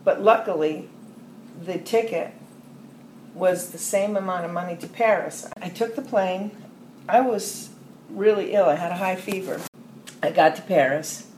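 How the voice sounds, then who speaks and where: An older American woman, a podcast interview guest, telling long rambling stories with soft trailing asides. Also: fairly low pitch, a little slow, long pauses. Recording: roomy echo with faint ambient noise.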